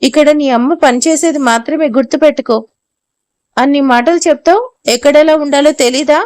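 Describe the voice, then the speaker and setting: A woman's voice: high-pitched, fairly quick, darkish tone, dry recording, lightly acted. A woman voicing an angry, domineering middle-aged mother in an audio story, speaking in a harsh, scolding way.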